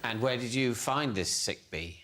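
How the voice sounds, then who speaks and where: A man's voice: mid-range voice, expressive, normal speed. Incredulous, pedantic male panellist. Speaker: team captain on a panel show. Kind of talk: comic interrogation and reasoning. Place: TV studio with live audience. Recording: noisy studio, audience laughter.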